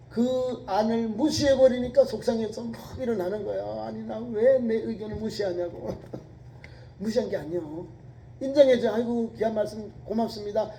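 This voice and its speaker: A man's voice: sits high, dark tone, a little hiss or hum, poor audio. A middle-aged male pastor preaching a sermon in an earnest, exhorting way, often repeating key words for emphasis.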